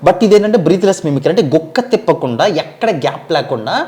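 A high-voiced man chatting casually as a guest. He answers quickly and eagerly, talking up his act. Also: very animated, a little mellow. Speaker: mimicry artist guest. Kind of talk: casual chat.

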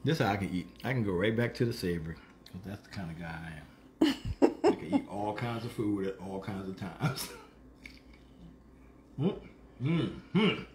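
A man's voice: on the low side, unhurried, long pauses, slight background noise. A man in his fifties hosting a casual live cooking show from his home kitchen, playful and humming over his food. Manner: animated, playful, savoring food aloud with hums. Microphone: phone camera on the counter. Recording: echoey kitchen room.

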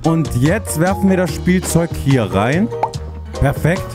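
A man's voice: a little high, animated, slow. A man doing let's play commentary, chatting himself through puzzles and easily spooked. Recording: voice over game music.

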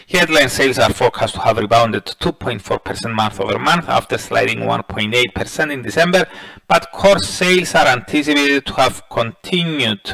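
A middle-aged man presenting a daily market review, reading prepared commentary in a measured way with frequent filler sounds and restarts. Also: mid-range voice, vocal fry, bright, forceful tone, poor audio. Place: voice-over over presentation slides.

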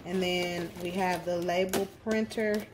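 Chatty upbeat woman, slow-paced. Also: fairly low pitch, fairly even intonation, noisy background. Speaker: crafting channel host. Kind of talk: casual unboxing vlog.

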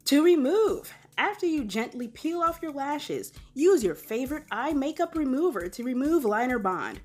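A woman's voice: sits high, big pitch swings, moderate pace, pitched above the performer's own voice. A woman putting on a peppy female game show announcer voice to read out product instructions. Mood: showy, upbeat. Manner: bright, upbeat announcer delivery.

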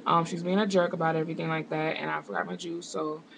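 A woman's voice: low voice, level tone, fast, gravelly, noisy background. A young woman vlogging from home, chatting casually to camera with rambling, sarcastic asides. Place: home indoors.

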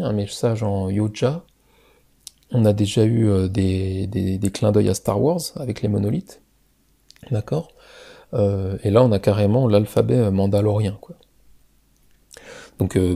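Gravelly, hesitant French-speaking man. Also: fairly low pitch, mellow. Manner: hesitant, many fillers, asks "d'accord?" often. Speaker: video creator. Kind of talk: casual explanatory monologue.

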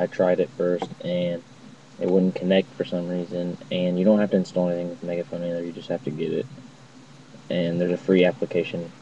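Speaking to camera from a cluttered, dimly lit room in his home, a young man gives a relaxed app-review tutorial in a flat, low voice. Audio comes from a laptop mic at first, then a phone headset mic, and the lo-fi result is muffled, noisy and distant, much like a webcam recording.

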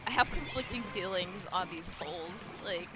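A woman streaming a video game, chatting casually with viewers in a rambling, excitable way and shouting at the game now and then. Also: on the low side, moderate pace, very noisy. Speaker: gaming streamer. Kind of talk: casual gaming chat with viewers. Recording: game music behind her voice.

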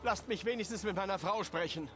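A man's voice: high-pitched, a little fast, over music, natural voice. An actor playing a desperate captive man in a video game, pleading like a tormented soul.

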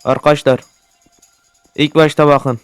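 A man narrates his gameplay in loose, casual commentary, swearing freely and flaring into excitable shouts at whatever happens on screen. His voice sits a little high and stays smooth and clean throughout. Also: unhurried, soft background music. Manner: profane, excitable, often yelling at the game. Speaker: gaming YouTuber.

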